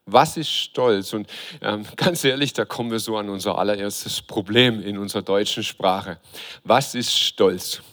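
A pastor preaching a sermon, asking rhetorical questions, speaking directly and informally to his congregation and moving between quiet and emphatic delivery. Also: lowish voice, measured pace.

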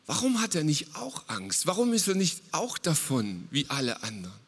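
A man preaching a lively, casual sermon, retelling a Bible story and mixing English words into his talk. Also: on the high side, moderate pace, husky, in a large hall.

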